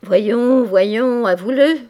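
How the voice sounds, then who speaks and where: A woman's voice: a little high, animated, a little slow. A jealous young husband, insistent and needling, nags his wife again and again, as a woman narrator reads his lines. His questions come in a pressing, pointed tone, read in a classic novel audiobook. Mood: insistent, teasing.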